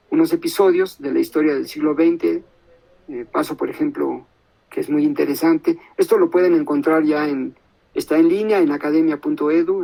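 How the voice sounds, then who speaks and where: A man lecturing over a video call. His voice sits a little high and has a gravelly, fry-laden texture. He thinks aloud in a measured way, pausing often and checking in with his listeners. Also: warm tone, rough recording. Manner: thoughtful, many pauses and tag questions. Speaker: guest lecturer.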